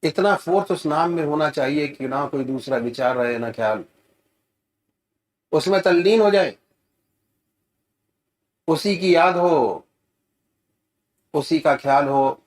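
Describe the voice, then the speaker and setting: A man giving gentle, soothing guided meditation instructions as a spiritual teacher. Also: a little high, animated. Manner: slow, gentle, soothing guidance with rising emphasis.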